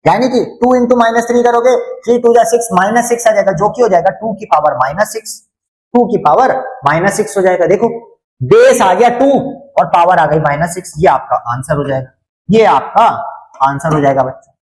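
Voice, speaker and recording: A man's voice: high voice, fairly quick. A man teaching a maths lesson online, repeating each step, quizzing his students and teasing them. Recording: roomy echo.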